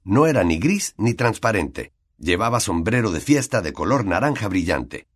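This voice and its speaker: A man with a Latin American Spanish accent narrating a storybook in an expressive, vivid way. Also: deep voice. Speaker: audiobook narrator.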